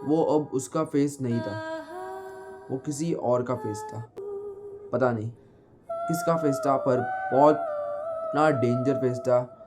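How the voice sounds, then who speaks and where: A man's voice: mid-range voice, huge pitch swings, takes it slowly, pauses often. A man casually retelling a scary personal experience as the host of his own channel, rambling with many restarts. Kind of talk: casual spoken horror storytelling. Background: loud background music.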